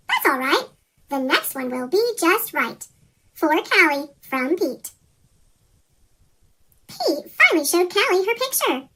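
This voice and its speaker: A reader of a rhyming children's picture book, voice pitch-shifted into a chipmunk effect, reading in a sing-song way. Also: bright, forceful tone. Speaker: storybook reader.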